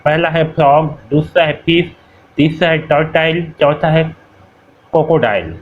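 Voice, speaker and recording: A man's voice: a little high, a little slow. A man teaching an exam paper, reading each question and its options, then repeating and explaining the answer. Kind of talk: exam paper walkthrough lesson. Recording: dull lo-fi audio with faint hiss.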